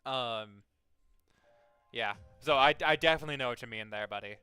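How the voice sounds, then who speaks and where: A young man talking on a game stream in a bright, crisp voice, caught dry and close on a desk mic with faint music behind. He rambles loosely, piling up fillers and restarts, and swears without a second thought. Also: medium pitch, moderate pace, no echo. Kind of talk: casual live-stream chat and reading game text aloud.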